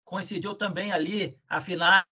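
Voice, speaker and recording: Male lecturer, high bright husky voice, audio choppy with buffering stutter from a weak video-call connection. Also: steady tone. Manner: halting, with frequent fillers. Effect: buffering stutter, audio breaking up on a weak connection. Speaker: guest speaker. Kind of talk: academic lecture.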